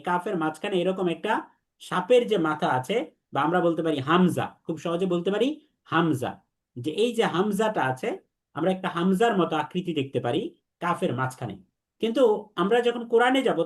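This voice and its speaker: A young man teaching Arabic letter pronunciation, repeating sounds slowly for students to echo back. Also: sits high. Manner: slow, repetitive drilling, has students repeat after him. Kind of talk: online lesson on Arabic letters.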